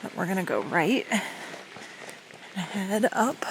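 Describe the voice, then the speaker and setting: A woman's voice: medium pitch, big pitch swings, slow pace, slight background noise, poor audio. A woman travel vlogger chatting casually and candidly to the camera in an informal way.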